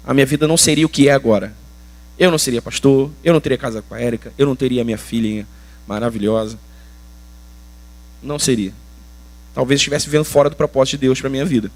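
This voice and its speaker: A Brazilian man preaching a sermon as pastor, colloquial and emphatic, with slangy asides. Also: medium pitch. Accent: Brazilian Portuguese.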